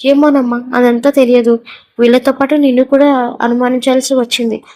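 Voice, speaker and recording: A woman's voice: high voice, little pitch movement, brisk, a little mellow, natural voice. A woman voicing a nervous male shop owner who pleads fearfully with the police.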